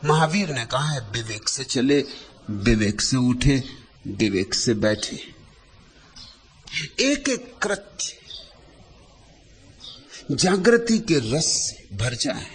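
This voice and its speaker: A man giving a spiritual discourse as a teacher, speaking in short, lyrical phrases with long pauses and repeated lines for emphasis. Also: mid-range voice, big pitch swings, slight background noise.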